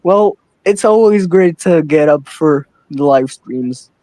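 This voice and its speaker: A young man from the Czech Republic phones into a live stream's casual chat to ask, hesitantly, about his aquarium. His slightly high voice is expressive and mellow at a slow pace, with many fillers and restarts, in a dry, low-quality recording.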